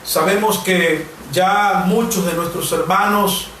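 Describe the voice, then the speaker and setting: Slow, earnest pastor in an echoey hall. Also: male voice, high voice, steady tone, sharp tone. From Mexico. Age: 40s. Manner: earnest preaching with slow, emphatic repetitions. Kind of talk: sermon and prayer. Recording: very echoey room, distant mic, faint hiss.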